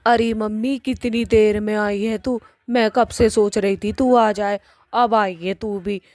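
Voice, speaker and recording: A woman voicing a pushy, lovesick young witch daughter in a cartoon, talking in a loud nagging way. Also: mid-range voice, steady tone, measured pace, dry recording, close to an everyday voice.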